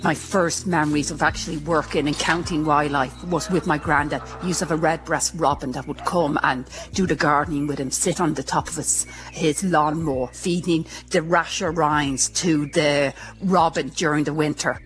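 A woman's voice: low-pitched, fairly even intonation, moderate pace, few pauses, music in the background. A woman from Ireland with a speech impediment, telling her own story in a candid, self-mocking way and carefully sounding out hard words. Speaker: interviewee. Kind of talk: personal storytelling.

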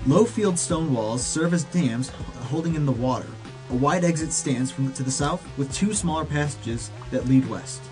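A man's voice: on the high side, normal speed, poor audio. Man running a tabletop game over music. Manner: relaxed, laughs often, restarts phrases. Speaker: game master. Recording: music clearly behind the voice.

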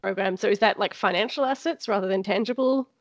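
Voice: medium pitch, quick pace, dry recording. A podcast co-host in casual discussion, giving short replies and questions.

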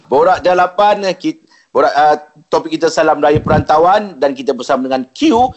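A man with a Malaysian Malay accent hosting a casual morning radio chat, chatty and quick to laugh. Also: on the high side, lively intonation. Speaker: radio host.

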